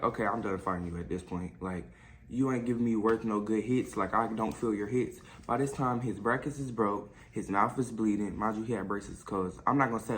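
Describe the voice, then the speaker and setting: Teen dude doing a storytime vlog, slangy, throws in bang boom noises, mid pitch, a little hiss behind. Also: male voice. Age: teens. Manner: animated retelling with punch sound effects; slangy, casual street speech. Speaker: vlogger. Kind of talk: storytime monologue.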